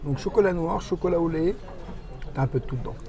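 Tasting food for a vlog, a man chats casually in a busy theme park restaurant, crowd chatter filling the background. His voice is a little high and he talks fast.

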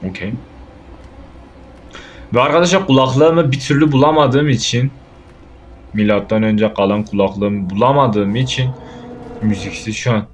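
A young man giving casual let's play commentary on a horror game, jumpy and swearing, yelling out when startled. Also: mid-range voice, a little slow, long pauses. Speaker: gaming YouTuber.

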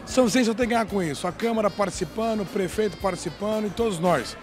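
A man's voice: high voice, music in the background. A young city councilman giving a rousing statement into a handheld mic at an indoor event. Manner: rapid, rousing, politician's delivery.

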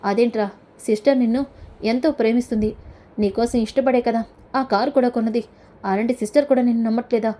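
Storybook role: a loyal, earnest friend, read by a woman narrator with a mellow tone. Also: fairly high pitch, steady tone, fast, pauses often, close to an everyday voice. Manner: earnest, coaxing.

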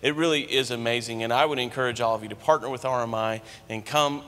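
A man's voice: medium pitch, steady tone, fast talker, fairly bright tone. A man, a student minister, speaking eagerly to the congregation from a church stage. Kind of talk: church announcement. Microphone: handheld mic. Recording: long reverb of a large church.

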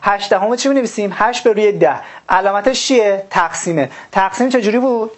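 Woman teaching a math class. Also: medium pitch. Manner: steady explaining, asks questions then answers them; frequent "uh" fillers while thinking. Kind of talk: recorded online math lesson.

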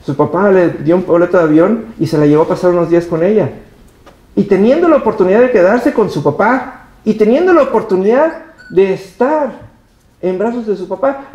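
A Mexican pastor with a high, mellow voice preaches emphatically, repeating words as he speaks straight to his congregation. His voice rings through an echoey hall where the service is held. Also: dull audio. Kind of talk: sermon.

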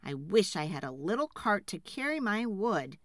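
A woman voicing a poor, tired adult male woodcutter in a children's storybook, speaking loudly and earnestly. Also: mid-range voice, big pitch swings, moderate pace, dry recording, studio quality, natural voice. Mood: wishful.

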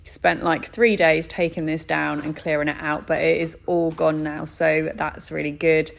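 Her voice low, gravelly and flat, a woman chats her way through an empty, gutted house she is renovating, filming on her phone. She speaks at normal speed and leans on "um" and "so."

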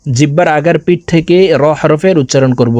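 A man teaching Quran reading, slowly chanting letter drills and quickly explaining the rules to viewers. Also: fairly high pitch, a little mellow. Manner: addresses viewers directly. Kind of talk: recitation lesson, drilling letter sounds.

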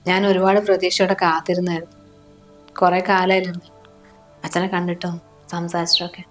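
A woman's voice: fairly low pitch, flat delivery, a little fast, faint music behind, natural voice. An actress playing a young wife and mother who pleads with her husband in a family short film.

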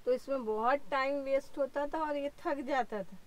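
A woman's voice: high voice, normal speed. An older woman chatting and teasing from a car's passenger seat, picked up by a lapel mic worn by someone else. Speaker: host's mother. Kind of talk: casual chat. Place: passenger seat of a parked car. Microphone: lapel mic on the other speaker.

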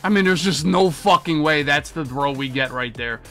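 A man's voice: fairly high pitch, normal speed, fairly bright tone, faint music behind. An American man in his thirties doing live gameplay commentary as a streamer, with a frustrated, swearing manner. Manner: frustrated, profane griping. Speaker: video game streamer. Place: small indoor streaming room with monitors.

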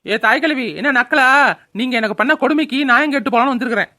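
A woman's voice: sits high, fast, pushed and bright, pitched below the performer's own voice. Woman doing a drunken bellowing son. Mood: taunting. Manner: bellowing, taunting. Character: drunken grown son, loud, quarrelsome. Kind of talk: cartoon voice acting.

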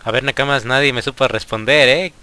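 A man's voice: medium pitch, fairly quick, clear, resonant tone. A young man with a Mexican accent giving casual let's play commentary, talking to his viewers and exclaiming at the game. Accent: Mexican Spanish. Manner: excitable, frequent exclamations at the game. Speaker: gaming youtuber.

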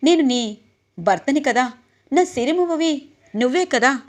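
A woman's voice: high-pitched, animated, a little slow. A woman voicing a passionate, defiant young man who speaks out for the woman he loves in an impassioned way.

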